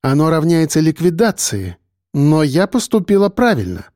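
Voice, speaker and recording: Мужчина озвучивает хладнокровную насмешливую женщину-убийцу, говорящую спокойно и ледяным тоном. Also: female voice, low voice, moderate pace, no echo, clean studio sound. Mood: mocking. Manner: calm, icy, mocking. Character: cold, mocking female killer.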